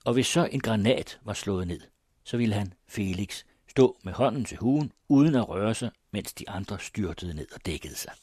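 A man reads a story aloud in a measured, even voice. His tone is lowish and husky. It is recorded close and dry. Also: no echo. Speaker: audiobook narrator. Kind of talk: scripted narration.

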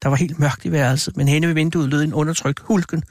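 A man narrating a horror tale as an audiobook, in a measured, deliberate way. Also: on the high side, steady tone, darkish tone, dry recording, studio quality.

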